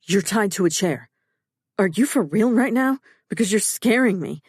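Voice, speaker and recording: A woman's voice: medium pitch, expressive, moderate pace, darkish tone, slightly rough, no echo, studio quality. A woman voicing a breezy husband turned rattled. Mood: scared. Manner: casual, then rattled and disbelieving. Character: breezy grown man, a restaurant-owner husband.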